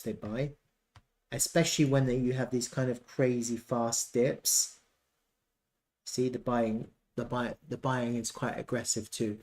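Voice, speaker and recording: On a live stream, a trading educator walks through chart analysis step by step, going back over key points for emphasis. His voice is mid-range with a darkish tone.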